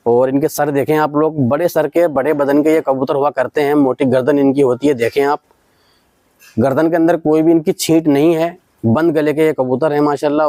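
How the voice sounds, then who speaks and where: Eager Uttar Pradesh pigeon seller, dry close sound. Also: male voice, on the high side, a little mellow, no echo. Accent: Western Uttar Pradesh Hindi. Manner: eager salesman, repeats "look at the quality". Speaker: pigeon seller showing birds. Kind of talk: casual selling vlog narration.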